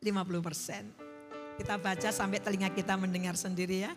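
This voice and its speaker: A woman's voice: medium pitch, flat delivery, fast talker. A middle-aged woman preacher giving a sermon with a personal testimony, telling her story earnestly and leading the congregation in call-and-response. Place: large church hall. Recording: church hall reverb, faint music.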